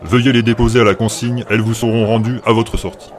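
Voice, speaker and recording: A man's voice: on the low side, little pitch movement, fast talker, a little hiss or hum, natural voice. A man voicing a huge, bald male inn bouncer who gives curt, commanding orders. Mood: stern.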